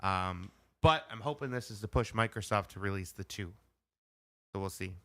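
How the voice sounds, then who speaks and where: Bright-voiced man explaining tech. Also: fairly low pitch, normal speed. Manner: explanatory, filler-heavy. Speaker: podcast co-host. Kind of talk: casual chat.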